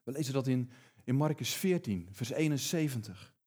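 A man's voice: medium pitch, animated, normal speed, darkish tone. A man preaching a sermon, emphatic and often repeating words as he builds his points.

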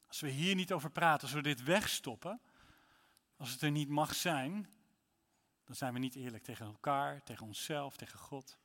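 A man's voice: on the high side, moderate pace, a bit bright, big-room sound. A man preaching a sermon in church, reading psalms aloud with rising intensity. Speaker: pastor.

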